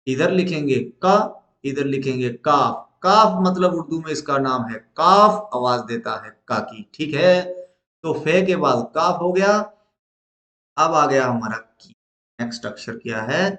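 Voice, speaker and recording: Slow, drilling male teacher in echoey room. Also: fairly high pitch, lively intonation, fairly bright tone. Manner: drilling, asks questions and answers them himself. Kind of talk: classroom lesson at a board.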